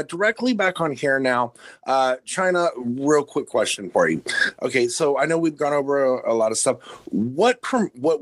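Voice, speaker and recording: A man's voice: mid-range voice, fairly bright tone, dry recording. A man hosting an interview in a casual, enthusiastic way with lots of fillers. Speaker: host.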